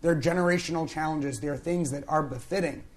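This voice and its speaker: Young male moderator, hoarse with a lost voice, chatty and full of fillers, fairly high pitch, faint noise behind. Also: fairly quick. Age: young adult. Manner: conversational, with many fillers and restarts. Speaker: panel moderator. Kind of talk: conference panel introduction. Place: conference event on stage.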